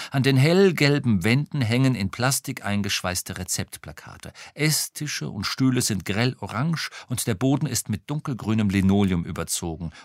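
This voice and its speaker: A man reading a first-person crime novel aloud, telling it in a wry, lively way. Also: on the low side, no room sound, clean studio sound. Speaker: audiobook reader.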